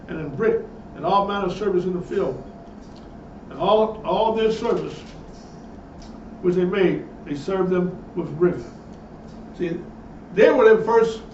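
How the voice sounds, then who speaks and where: In a sermon that mixes read-aloud passages with emphatic asides, a man preaches in a high-pitched, darkish voice. A little hiss or hum sits under an echoey, distant, dull lo-fi recording.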